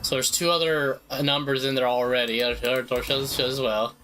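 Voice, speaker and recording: A man's voice: mid-range voice, steady tone, moderate pace, over music, rough recording. A man streaming a visual novel, reading the game text aloud and reacting with casual swearing. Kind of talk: casual let's-play commentary.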